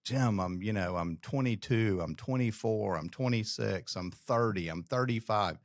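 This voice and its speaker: A middle-aged man hosting a finance podcast, reflective and steady as he builds his points. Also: fairly low pitch, moderate pace, dry recording, studio quality. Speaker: podcast host, financial planner. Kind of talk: conversational interview hosting.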